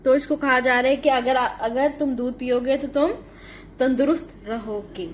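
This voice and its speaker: A woman teaches a school English lesson, mixing explanations with slow, deliberate readings of sentences. Her voice sits fairly high. A faint noise runs under the recording. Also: steady tone.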